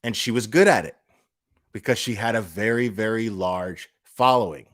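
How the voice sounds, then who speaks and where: A man with a lowish voice speaks at normal speed, rambling off the cuff like a livestream commentator on a rant. He's blunt and profane, repeating phrases for emphasis, and the recording is dry and studio quality.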